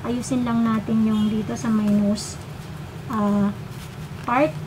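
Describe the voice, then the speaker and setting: Middle-aged Filipino woman vlogger, muffled through a face mask, casual and chatty, clear background noise. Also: a little high, level tone, slow. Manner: chatty, mixes English and Tagalog, playful asides. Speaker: vlogger reviewing a product. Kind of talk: casual product demo.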